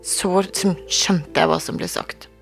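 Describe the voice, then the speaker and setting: A woman's voice: low voice, steady tone, creaky, faint music behind. A woman telling her own story in a radio documentary, hesitant and full of fillers and restarts. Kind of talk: personal recollection in a radio documentary.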